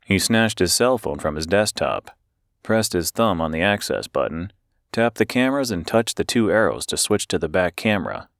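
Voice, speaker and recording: A man with a very low voice reads an audiobook in a steady, measured way. The recording is dry and close to the mic, with no room sound. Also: gravelly, dry recording. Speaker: audiobook narrator. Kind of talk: scripted audiobook narration.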